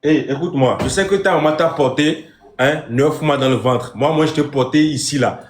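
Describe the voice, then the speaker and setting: A man's voice: on the high side, normal speed. A man hosting a comic live stream as a strict father, lecturing with emphatic repetition. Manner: lecturing, emphatic, repeats phrases. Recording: roomy echo.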